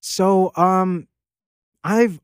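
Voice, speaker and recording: A man around thirty, from Baltimore, rambles casually as an interview guest, full of fillers and restarts. His voice sits a bit high for a man. The sound is close and dry. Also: steady tone, very slow, smooth, no echo. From Baltimore, Maryland. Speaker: guest rapper.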